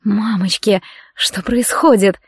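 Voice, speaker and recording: A woman's voice: steady tone, slow, breathy edge, no echo, full character voice. A woman voicing a frightened, defiant young woman who pleads and cries out. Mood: breathless. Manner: pleading, shrill when shouting.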